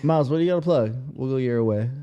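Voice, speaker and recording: Man, podcast host, mellow dark tone, casual, laid-back, swears. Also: medium pitch, quick pace. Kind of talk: casual chat.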